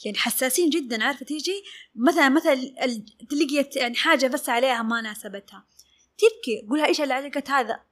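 A woman, a fashion designer giving a lively interview and acting out her clients' words. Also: high-pitched, racing. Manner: animated, acts out clients' words. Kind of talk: casual interview talk.

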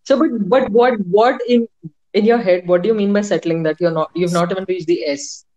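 A woman's voice: mid-range voice, fairly quick, dark tone, highs cut off. A woman with a North Indian accent, hosting a podcast in a casual conversational interview style. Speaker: podcast host.

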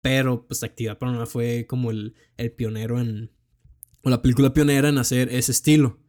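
A man's voice: mid-range voice, level tone, brisk, darkish tone. A young man with a Mexican accent, chatting casually about films with plenty of slang and swearing. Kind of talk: casual film chat.

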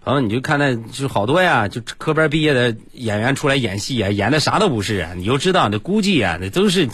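A man telling comic stories in a casual monologue, jumping into loud high voices for the people he quotes. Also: expressive, quick pace. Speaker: comedy storyteller.

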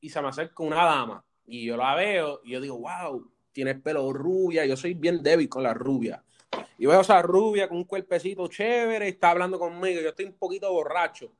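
A man's voice: fairly high pitch, fairly quick. A young man with a Puerto Rican accent hosting a casual podcast chat, telling crude stories with lots of laughter. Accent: Puerto Rican Spanish. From Puerto Rico. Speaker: podcast host.

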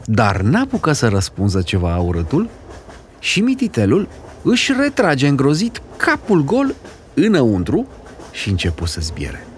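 A male storyteller in a mid-range voice whose pitch rises and falls dramatically as he reads. His delivery is lively and expressive, and he acts out the characters as he goes. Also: slight background noise. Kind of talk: dramatic reading of a classic story.

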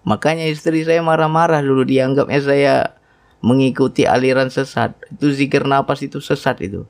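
Middle-aged male teacher, gravelly voice, chatty storytelling, asks "right?" often. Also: medium pitch, steady tone, normal speed. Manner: storytelling, acts out wife's voice, frequent "ya kan?". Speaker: spiritual teacher. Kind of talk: casual religious talk.

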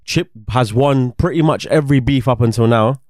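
A man's voice: medium pitch, normal speed, dry recording, studio quality. A young man, co-hosting a podcast, arguing his side and cursing now and then. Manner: lively, argumentative, curses. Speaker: podcast co-host. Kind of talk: casual chat.

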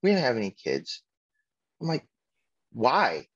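A man's voice: medium pitch, lively intonation, moderate pace. A middle-aged man tells stories in a blunt, profane, no-nonsense way, chatting casually on a podcast. The recording sounds a little muffled and lo-fi. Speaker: podcast co-host. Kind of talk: casual chat. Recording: muffled lo-fi audio.

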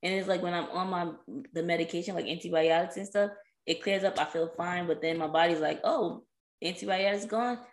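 Hoarse woman co-host, lowish voice, laid-back chat; echoey room. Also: fairly even intonation, fast. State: hoarse, irritated throat. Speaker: podcast co-host. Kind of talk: casual chat.

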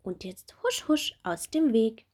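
A woman voicing a brisk, busy ladybug in a children's story. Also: a little high, wildly swooping pitch, darkish tone, exaggerated voice.

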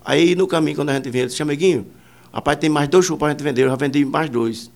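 A man's voice: on the high side, quick pace. A man, a musician and producer, telling rambling anecdotes in a casual interview, full of fillers and quoted dialogue.

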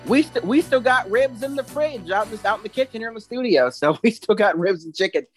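A man's voice: sits high, expressive, brisk, music in the background. A man hosting a podcast from a studio, in an upbeat, loose, chatty way. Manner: upbeat, loose, laughs easily. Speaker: host. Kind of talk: casual podcast chat.

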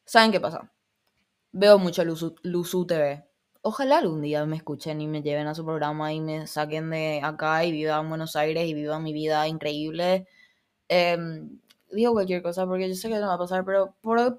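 Young paraguayan girl, slips into argentine-sounding spanish, low-ish voice, rambly and giggly, chatting solo on her podcast. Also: normal speed, a little mellow. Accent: Paraguayan Spanish with Argentine touches. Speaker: podcast host. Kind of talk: casual solo podcast chat.

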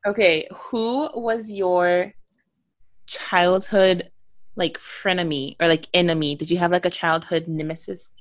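A young woman co-hosting a podcast in casual chat, animated and quick to mimic voices. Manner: animated, mimics voices with big pitch jumps. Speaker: podcast co-host.

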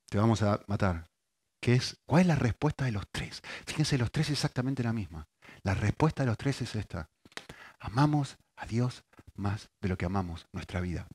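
A man with an Argentine accent preaching a sermon, alternating loud, emphatic repetition with quiet storytelling. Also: lowish voice, slightly rough. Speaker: pastor.

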